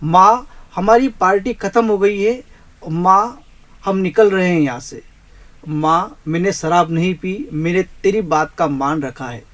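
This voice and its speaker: A man's voice: high voice, unhurried, fairly bright tone, rough recording. A man reciting a poem in the voice of a young adult son, repeatedly calling out to his mother from a party. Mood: pleading. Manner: pleading, repeating "mother" over and over.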